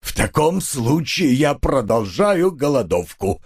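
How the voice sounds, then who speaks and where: A man voicing a self-pitying, melodramatic husband who whines through his nose in a drawn-out, declaiming way. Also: medium pitch, very animated, husky, pitched above the performer's own voice, heavily acted. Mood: wailing. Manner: drawn-out nasal whining, declaiming in verse. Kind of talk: audiobook character voice.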